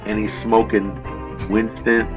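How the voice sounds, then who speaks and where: A man's voice: fairly low pitch, little pitch movement, slow, highs cut off, music in the background. A man telling long, rambling anecdotes in casual chat as a podcast co-host, laughing at his own jokes.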